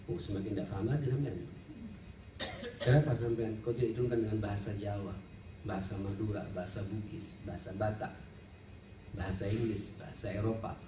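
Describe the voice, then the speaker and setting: A man with a mellow, mid-range voice preaches as an Islamic teacher, giving a sermon and study-circle lecture that includes Arabic recitation. He's conversational and didactic, often speaking directly to listeners and posing rhetorical questions. The recording sounds roomy, with a distant mic and faint background noise.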